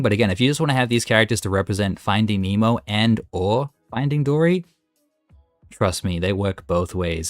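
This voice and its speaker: Low-voiced, opinionated gaming commentator man. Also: dry recording, clean studio sound. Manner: enthusiastic, opinionated and chatty. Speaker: gaming video host. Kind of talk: casual tier-list commentary.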